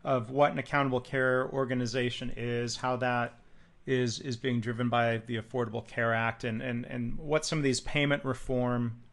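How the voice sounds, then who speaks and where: Male podcast host, gravelly voice, stammers through restarts. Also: medium pitch, level tone, normal speed, fairly bright tone. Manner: stammering restarts, repeats words. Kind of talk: interviewer asking questions.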